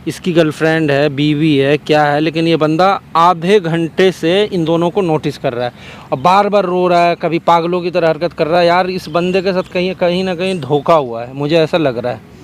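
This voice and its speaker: A man hosting a hidden-camera prank outdoors in a park, talking in an excited, repetitive way and urging others on. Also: a little high, normal speed, slight background noise. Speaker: prank video host.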